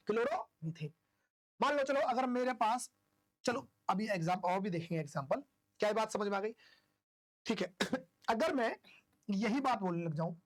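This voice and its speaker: Lady teacher explaining chemistry, kinda high voice, keeps asking the class stuff and answering it herself. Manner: chatty, asks and answers own questions, homely analogies. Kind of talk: online chemistry lesson.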